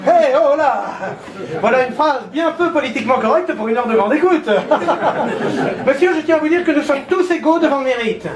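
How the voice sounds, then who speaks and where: On stage before a live audience, a male comedian with a very high-pitched voice performs a stand-up sketch at normal speed, playing a pompous TV doctor and throwing in theatrical asides. The echoey hall is filled with the crowd's laughter.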